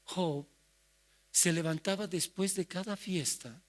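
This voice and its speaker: A man preaching a sermon as pastor, moving from quiet asides to loud cries as he acts out the people he quotes. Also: sits high, slow pace. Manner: swings from soft asides to loud shouted quotes.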